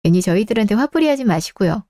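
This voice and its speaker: A woman's voice: mid-range voice, expressive, fast, dark tone, no room sound, clean studio sound, close to an everyday voice. A woman voicing a curt, complaining daughter-in-law in a Korean radio drama. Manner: politely cold, complaining. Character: curt young-adult daughter-in-law, a teacher.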